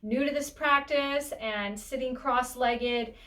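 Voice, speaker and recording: Casting: woman yoga teacher, fairly high voice, instructive step-by-step delivery with casual check-ins. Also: fairly even intonation, slow, a bit bright. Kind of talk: spoken step-by-step demonstration lesson.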